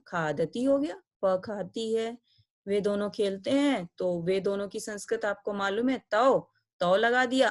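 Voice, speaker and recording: A woman teaching an online Sanskrit grammar lesson, patiently explaining step by step and reciting verb endings slowly and deliberately. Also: mid-range voice.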